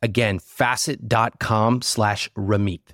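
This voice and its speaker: A man reading a fast legal disclaimer at the end of a sponsor read, rapidly and flatly reciting fine print. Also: on the low side, dry recording, studio quality. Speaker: podcast host and financial coach.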